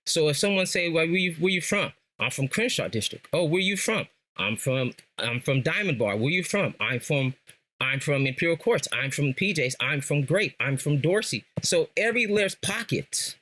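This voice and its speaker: Speaking with an American accent, a Los Angeles native and lifelong Lakers supporter guests on a sports podcast. His voice sits on the high side, expressive and sharp-toned at a normal speed, as he relays stories in slang and repeats phrases for emphasis.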